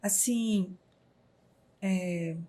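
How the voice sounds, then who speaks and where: A woman's voice: lowish voice, drawn-out words, warm tone. A middle-aged woman from Brazil, a podcast guest, earnestly telling a personal story with many fillers.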